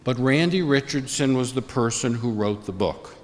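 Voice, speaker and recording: An older man delivers a prepared memorial eulogy, reading his formal remarks in a measured, deliberate way. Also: medium pitch. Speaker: eulogist, former colleague and professor. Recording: long hall reverb.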